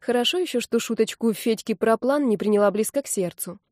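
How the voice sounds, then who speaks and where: A woman reading a first-person audiobook narration in a wry, lively storytelling manner. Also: fairly high pitch, brisk, dry recording, studio quality.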